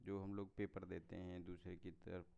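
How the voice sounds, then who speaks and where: A man's voice: sits low, level tone, moderate pace, vocal fry, warm tone. A man teaching as he walks through exam answers, explaining each one step by step and moving on with set phrases. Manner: explanatory, repeats "theek hai" and "next hai". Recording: slightly dull lo-fi sound.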